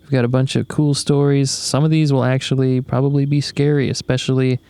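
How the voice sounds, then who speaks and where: A young man with a gravelly, fry-edged voice co-hosts a podcast, drifting through his thoughts in a laid-back, rambling way and swearing freely. He is recorded outdoors in the woods at night, and his voice sits at an ordinary middle pitch. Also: level tone, brisk, warm tone, no echo. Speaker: podcast co-host. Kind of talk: casual chat.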